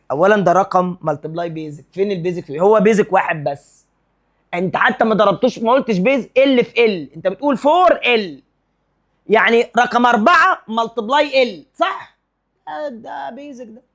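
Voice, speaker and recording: A man with an Egyptian Arabic accent and a high-pitched voice teaches a lively physics lesson. He quizzes and teases his students, mixing English terms into his speech.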